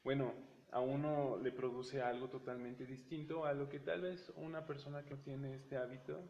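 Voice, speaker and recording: A man's voice: medium pitch, steady tone, normal speed, a little hiss or hum. A man talking casually about reading, rambling and searching for words with frequent tag questions. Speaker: book club co-host. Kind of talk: casual book chat. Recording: echoey, dull room recording.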